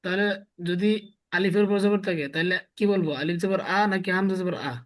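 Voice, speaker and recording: A man's voice: sits high, steady tone, brisk. A man teaches a beginners' class on the Arabic alphabet. He drills the letter sounds one syllable at a time, repeats them often and keeps asking his students to say them back. His first language is Bengali. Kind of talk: classroom lesson with call-and-response drilling.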